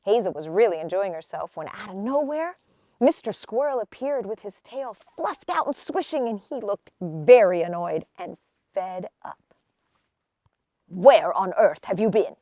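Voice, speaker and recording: As a storyteller, a woman reads a children's picture book aloud with expressive, deliberate phrasing. Her pitch is medium and there is no echo.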